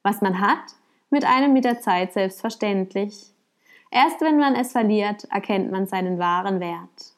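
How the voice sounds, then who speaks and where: A calm, sly old sage from a spoken folk tale, voiced by a woman. He explains things plainly and without hurry. His tone stays even and sure. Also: medium pitch, unhurried, close to an everyday voice.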